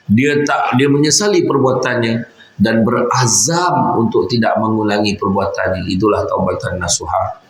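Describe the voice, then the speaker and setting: A male preacher with a Malaysian Malay accent at an indoor lecture, mid-pitched and storytelling. He keeps drawing in his listeners with asides, and the room gives a roomy echo. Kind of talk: religious lecture.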